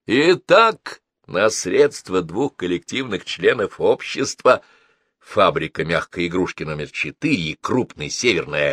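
Man, audiobook narrator, expressive, ironic, lively intonation, dry close recording. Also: sits low, dry recording. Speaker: audiobook reader. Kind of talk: scripted narration.

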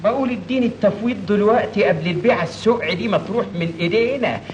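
An actor playing an insistent, scheming Egyptian factory manager, speaking Egyptian Arabic on a noisy old film soundtrack. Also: male voice, high-pitched, very fast, lo-fi sound, natural voice.

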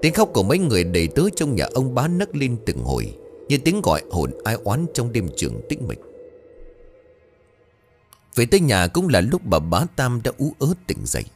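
A man narrating a ghost story in a dramatic, expressive storytelling style. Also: medium pitch, normal speed, faint music behind.

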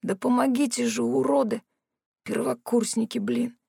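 A woman's voice: fairly high pitch, fairly even intonation, moderate pace, gravelly, mellow, breathy edge, dry recording, pitched above the performer's own voice, exaggerated voice. Lady reading a cocky young student guy, rude and bossy, begging and threatening, dry close sound. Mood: exasperated. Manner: snappy, then pleading. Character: arrogant young male third-year student, pleading.

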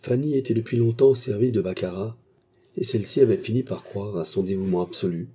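A man narrating a classic novel in a measured storytelling manner. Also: fairly low pitch, dark tone, slightly rough. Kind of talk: audiobook narration.

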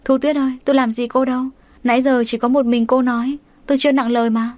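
A woman's voice: high-pitched, flat delivery, quick pace, a little mellow, no room sound, natural voice. A woman doing a proud, indignant young woman. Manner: indignant, hoarse when holding back tears. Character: young woman, proud, angry, holding back tears.

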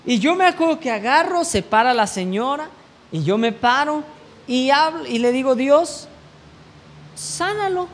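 A man's voice: very high-pitched, animated, a bit bright, a little hiss or hum. A man preaching a sermon, telling a personal testimony and asking the congregation rhetorical questions. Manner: slow, deliberate delivery.

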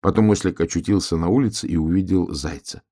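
A man narrating a children's fairy tale in a calm, measured and expressive reading. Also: low voice. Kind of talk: storybook reading.

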